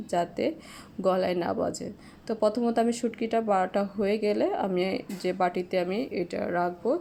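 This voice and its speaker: Cooking host, woman; steady, explanatory voice-over with English filler words, faint hiss behind. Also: mid-range voice.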